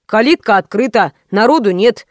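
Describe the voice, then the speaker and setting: A woman voicing a heroine disguised as a folksy, apologetic male taxi driver, lowering her voice. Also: animated, moderate pace, dry recording, clean studio sound, lightly acted. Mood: feigned innocence.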